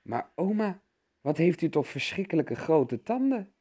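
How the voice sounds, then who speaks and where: A man's voice: a little high, sing-song, a little slow, dark tone, husky, voice pushed up, full character voice. Man doing a timid little girl. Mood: timid, curious.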